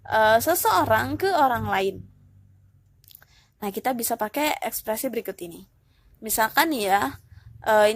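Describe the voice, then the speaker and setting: Woman teacher walking through phrases step by step, kinda high voice, dry close mic. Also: dry recording. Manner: relaxed, explains step by step, mixing in English phrases. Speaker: English teacher. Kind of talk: casual classroom explanation.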